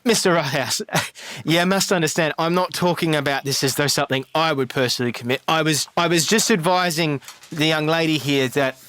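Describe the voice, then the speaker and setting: A man's voice: fairly high pitch, a little fast, a bit bright, dry recording, close to an everyday voice. A man voicing a smug, menacing male toll guard who threatens people with stiff courtesy in a tabletop game. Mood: nervous. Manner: oily, mock-courteous, veiled threats.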